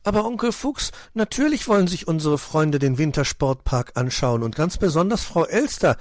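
A man voicing an eager young male animal nephew in a children's story, chattering with excitement. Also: on the high side, moderate pace, no echo, clean studio sound, pitched above the performer's own voice, lightly acted.

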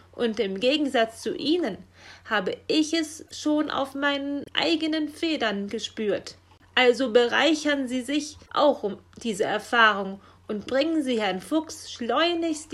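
A woman voicing a stern, bossy male raven official in a children's story, gruff and commanding, squawking "Kra" between sentences. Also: on the high side, lively intonation, takes it slowly, a bit bright, heavily acted. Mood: scolding.

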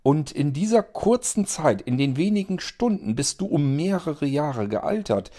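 A man voicing a sharp skeptical woman. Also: fairly high pitch, very animated, a little slow, pitched above the performer's own voice. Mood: insistent. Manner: arguing, insistent. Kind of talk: audiobook reading.

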